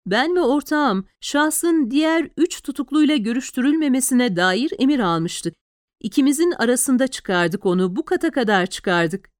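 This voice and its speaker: A woman's voice: sits high, lively intonation, moderate pace, dry recording, studio quality, pitched above the performer's own voice. A woman reading an audiobook, voicing a nervous young male police officer who explains himself anxiously and deferentially to his superior.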